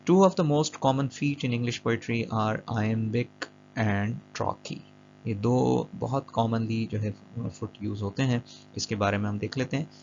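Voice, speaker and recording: Male teacher, patient and repetitive, gravelly voice, lo-fi voice-over with quiet music. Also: medium pitch, slow pace. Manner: patient, repeats and checks understanding; mixes English terms into Urdu-flavoured Hindi. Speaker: English teacher. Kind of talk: explaining a lesson over slides. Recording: dull lo-fi voice-over with soft music.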